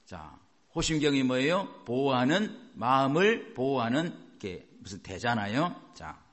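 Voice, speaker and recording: A man's voice: medium pitch, sing-song, measured pace, fairly bright tone. A male pastor preaching a sermon, emphatic and asking his congregation rhetorical questions.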